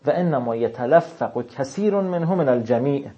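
Husky-voiced man teaching a seminary lecture. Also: mid-range voice, animated, warm tone, lo-fi sound. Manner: reads out classical text slowly, then explains it in casual speech. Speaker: religious law teacher.

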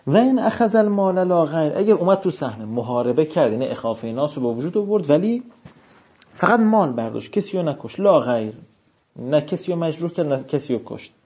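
Man, seminary law teacher, dark husky voice, reads text slowly then explains casually, dull lo-fi recording. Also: fairly high pitch, very animated. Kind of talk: seminary lecture.

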